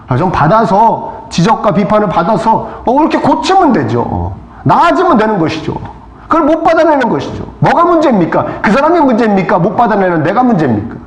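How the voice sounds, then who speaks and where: Lively high-voiced Korean pastor preaching. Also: male voice. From South Korea. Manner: preaching with rhetorical questions and calls of amen; acts out crowd voices and rebukes. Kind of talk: sermon. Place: church sanctuary. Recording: echoey church hall.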